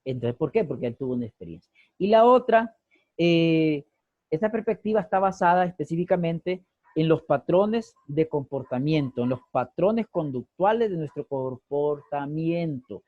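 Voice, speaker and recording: Male teacher, fairly high husky voice, repeats his points, dull video-call sound. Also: lively intonation, moderate pace, dry recording. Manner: asks rhetorical questions and repeats key phrases. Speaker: sociology teacher. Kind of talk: online class lecture.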